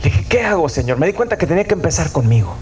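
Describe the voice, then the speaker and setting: A man's voice: a little high, sing-song, very fast, a little mellow, slight background noise. A middle-aged man, preaching a sermon and often asking the audience for agreement. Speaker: pastor.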